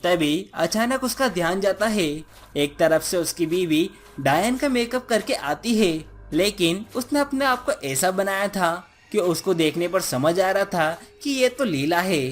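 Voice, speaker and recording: A man narrating a village folk story in a steady storytelling manner. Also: high voice, unhurried, faint music behind.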